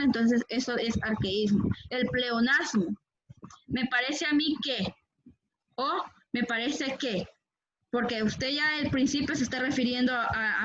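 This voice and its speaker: A woman's voice: on the high side, a bit bright. A woman teacher giving a grammar lesson to her class, patiently repeating words and checking in with "¿verdad?". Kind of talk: online Spanish grammar lesson. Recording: dull lo-fi recording.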